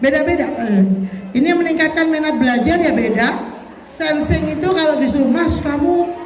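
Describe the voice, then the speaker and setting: A woman giving a lively, joking parenting seminar, acting out mothers and children as she goes. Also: sits high, a little fast. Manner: animated, jokey, acts out mothers and children. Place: large lecture hall. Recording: echoey hall.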